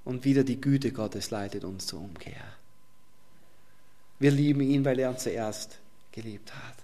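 A male preacher giving a sermon and reading scripture, swinging from loud emphasis down to a soft near-whisper. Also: mid-range voice, a little slow.

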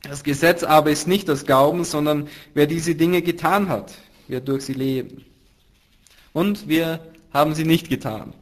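A man teaching a Bible study in sermon style, earnest and emphatic, swinging from loud stresses to hushed drops. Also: on the high side, a little slow.

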